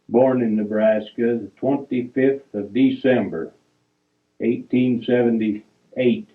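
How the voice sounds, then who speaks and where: An older man talks through old family photos at an unhurried, plodding pace, stopping between names and dates and fixing his own slips along the way. His voice sits at an ordinary middle pitch, and the sound is thin and boxy, as if it came over a phone line. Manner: halting, reads dates piece by piece, corrects himself. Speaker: family storyteller. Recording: tinny, phone-like recording.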